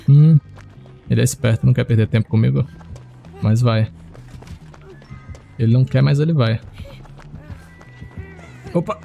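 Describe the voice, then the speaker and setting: A man giving excitable live commentary as he plays a horror game, chatting to his viewers and jumping to high yelps when he panics. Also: gravelly. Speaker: streamer playing a horror game.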